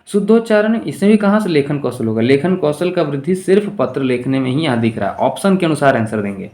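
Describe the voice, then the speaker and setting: A man with a fairly high voice teaches an exam-prep lesson. He reads questions aloud, then explains them with rhetorical questions to the class. His pace shifts between slow, stretched-out words and quick bursts. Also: sing-song, darkish tone. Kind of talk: exam-prep lesson going through multiple-choice questions.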